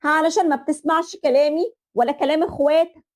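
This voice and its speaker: A woman's voice: high-pitched, quick pace, close to an everyday voice. A woman voicing a meddling, domineering mother-in-law who scolds her son, with an Egyptian accent. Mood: scolding. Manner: scolding, sharp.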